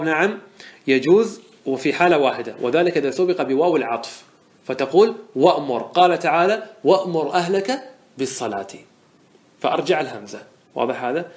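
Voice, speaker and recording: A man teaching Arabic morphology in a lecture, explaining verses step by step and often checking that listeners follow. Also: on the high side. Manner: patient explainer who asks rhetorical check questions; repeats and restarts words while thinking aloud. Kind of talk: classroom lecture explaining a didactic poem.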